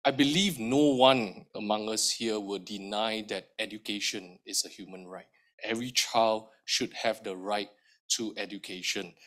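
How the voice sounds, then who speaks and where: A man with a hoarse, recovering voice giving formal opening remarks at an event, measured with frequent ums. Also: fairly low pitch, fairly bright tone. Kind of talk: formal speech at a public event.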